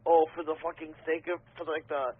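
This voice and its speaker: A man's voice: on the high side, little pitch movement, fairly quick, slightly rough. A man talking casually as a podcast guest, rambling and swearing a lot. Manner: profane, rambling conspiracy talk. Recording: tinny phone line.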